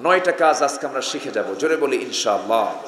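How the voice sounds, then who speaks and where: A man preaching an impassioned sermon at an outdoor gathering, jumping from soft asides to sudden shouts and calling on the crowd to answer back. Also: mid-range voice, expressive, a little fast, echoey room, background noise. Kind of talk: impassioned sermon with call-and-response.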